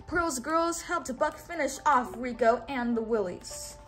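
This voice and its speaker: Hosting a children's read-along, a woman reads a storybook aloud in a teacherly way and invites listeners to repeat words. Her voice is high-pitched, unhurried, and a bit bright, with soft music in the background.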